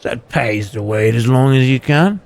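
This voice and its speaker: A man voicing a stern, smug wood golem guard from a game, gravelly and deliberate. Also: medium pitch, darkish tone, voice pushed down, lightly acted. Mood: smug, placating. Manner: deliberate, admonishing. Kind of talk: voiced game character on a livestream.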